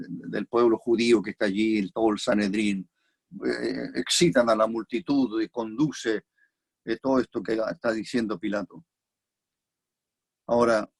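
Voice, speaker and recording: Husky Chilean preacher, reflective sermon. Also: male voice, medium pitch. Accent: Chilean Spanish. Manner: reflective, repeats key phrases for emphasis. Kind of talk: expository sermon.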